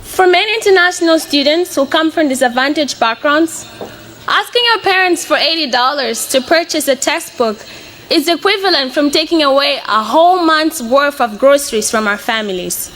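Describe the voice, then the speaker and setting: An animated, high female voice at normal speed, fairly bright in tone, with slight background noise. The speaker is a woman in her twenties from a Mozambican, Portuguese-speaking background, giving a prepared and earnest personal speech as a student.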